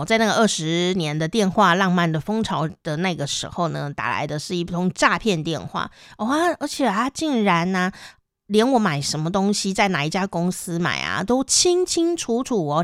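A woman hosting a podcast, telling a personal story in a casual, animated way and laughing often. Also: medium pitch, no room sound, clean studio sound. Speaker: podcast host. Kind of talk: casual chat.

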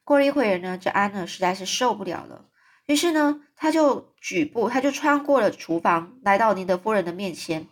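A woman's voice: mid-range voice, expressive, a little fast. A woman casually retelling a novel as a storyteller, rambling and often correcting herself with fillers.

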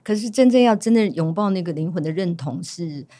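A woman's voice: fairly low pitch, lively intonation, a little fast, mellow. A woman from Taiwan, a teacher guest on a panel, talking casually and reflectively, with the odd joke and stammered restart.

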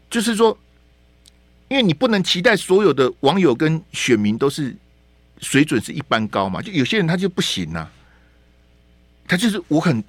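一位带台湾口音的男电台主持人，语气激动地评论时事，常连声反问、重复字句。. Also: male voice, on the high side, dry recording. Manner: heated, rhetorical questions, repeats words. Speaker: radio talk show host. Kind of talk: opinionated political commentary. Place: radio studio.

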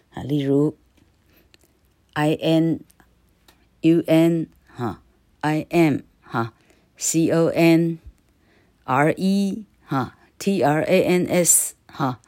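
An older woman teaching English in a relaxed, rambling way, her low voice moving slowly. She keeps adding a little "ha" to her phrases. When she gets to a rule, she chants it out slowly, syllable by syllable. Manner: rambling, ends phrases with a habitual "ha". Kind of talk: casual online lecture.

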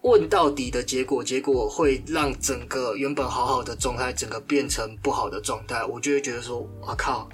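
A man's voice: mid-range voice, steady tone, moderate pace, hardly any pauses, soft background music. Easygoing man in podcast chat. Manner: easygoing, playful. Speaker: podcast co-host. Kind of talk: casual chat.

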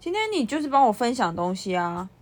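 A young woman with a Taiwanese Mandarin accent, co-hosting a casual chat podcast; her voice is naturally low and she pushes it up, laughing often and swearing playfully. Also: sing-song, brisk, darkish tone. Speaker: podcast co-host. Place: indoors, on a bed. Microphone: handheld phone mic.

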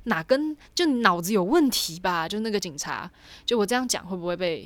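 A young woman casually telling a personal story, animated and chatty with lots of fillers. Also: medium pitch, fairly quick, no echo. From Taiwan.

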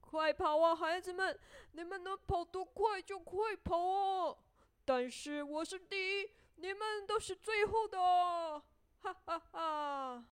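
A cocky little gingerbread man who taunts his chasers in a bouncing sing-song that a woman puts on. His voice is pitched high and sounds dry and close, like a storybook reading. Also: lively intonation, slow pace, smooth, no echo. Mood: taunting gleeful. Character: cheeky boastful little male gingerbread cookie.

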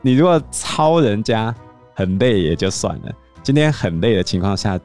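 A man with a Taiwanese Mandarin accent, a teacher co-hosting a casual book-club podcast, telling animated stories with self-teasing asides. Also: lowish voice, normal speed, soft background music.

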